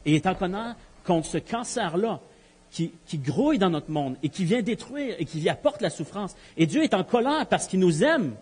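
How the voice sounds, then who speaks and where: A man's voice: high voice, animated, moderate pace, darkish tone, breathy edge. A man preaching a sermon, emphatic, with rhetorical questions and repeated key phrases. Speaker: pastor. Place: church. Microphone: live-streamed church recording.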